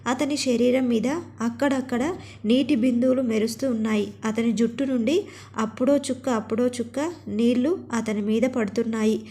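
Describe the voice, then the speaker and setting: A woman's voice: a little high, steady tone, fairly quick, dark tone. Woman narrating a romantic story.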